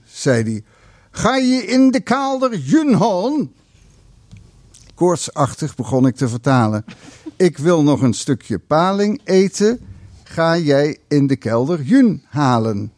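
Lively expressive man reading a story. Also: no echo, studio quality. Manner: expressive reader, loud booming voice for the uncle. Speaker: guest reader on a radio show. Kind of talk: reading a literary story aloud, then chatting.

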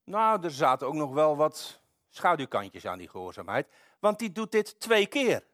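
A man's voice: a little high, big pitch swings, moderate pace, a bit bright, dry recording, studio quality. A man preaching, reading from the Bible and adding wry, conversational asides. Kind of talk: Bible reading with sermon commentary.

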